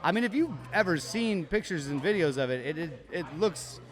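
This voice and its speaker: He's a podcast co-host recording live at a bar, his voice a little high and animated. The casual chat is upbeat but rambling, and he often stops short and begins again.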